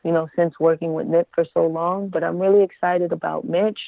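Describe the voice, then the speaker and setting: A woman guest in a relaxed interview, talking in a calm, fairly monotone way. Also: on the low side, brisk, gravelly, no room sound. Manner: calm, even, self-described monotone. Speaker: guest, music marketer. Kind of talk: casual interview chat. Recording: tinny phone-like line.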